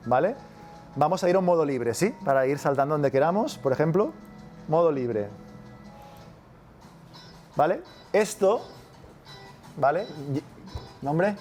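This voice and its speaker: Speaking with a Spanish accent, a lecturer from Spain runs an informal masterclass at a university and constantly checks in with "¿vale?". His voice is on the high side, with a slightly mellow quality.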